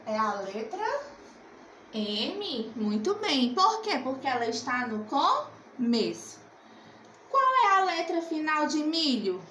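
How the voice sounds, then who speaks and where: Lady teacher, high voice, slow and coaxing, echoey room. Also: a bit bright, slight background noise. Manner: slow, coaxing, asks and answers her own questions. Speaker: primary school teacher. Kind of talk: remote literacy lesson.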